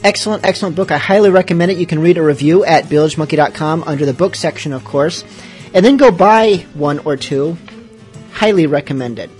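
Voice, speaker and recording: A man's voice: a little high, a little fast, darkish tone, soft background music. Rambling casual podcast host, man. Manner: rambling, self-deprecating asides. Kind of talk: casual radio-show chat.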